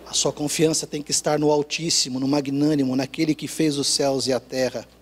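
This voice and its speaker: A Brazilian man preaches with a high, carrying voice. He drops to hushed, low lines, then climbs back up to loud, rising ones. He acts out the dialogue in the stories he tells. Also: level tone, fairly quick, husky. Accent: Brazilian Portuguese. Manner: storytelling with acted dialogue. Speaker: pastor. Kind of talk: sermon.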